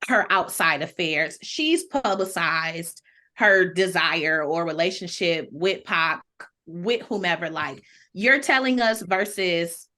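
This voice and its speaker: A woman's low, bright voice carries a forceful tone as she talks casually on a podcast panel. She's American, from Toledo, and comes across as outspoken and opinionated, with slangy and profane phrasing.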